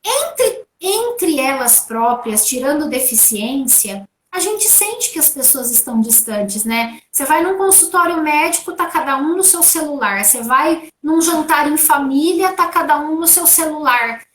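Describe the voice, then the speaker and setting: A woman from Brazil with a high voice, speaking as an interview guest over a video call. She talks in a relaxed, anecdotal way, and the room around her sounds echoey. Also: a little slow, few pauses, slight background noise. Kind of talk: conversational interview answers. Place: at home.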